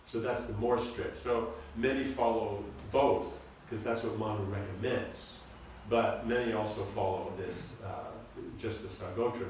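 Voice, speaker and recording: A man teaching a seminar on scripture, talking in a halting, informal way and often repeating his words. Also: fairly low pitch, slight background noise. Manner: halting, repeats words, asks the audience to follow. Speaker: spiritual teacher giving a seminar lecture. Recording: echoey room, recorded from a distance.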